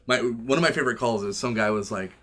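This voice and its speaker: Man, casual storyteller, animated, swears, does quick character voices. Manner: animated, acts out quoted voices with big pitch jumps, swears freely. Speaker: guest, wrestler and former game tester.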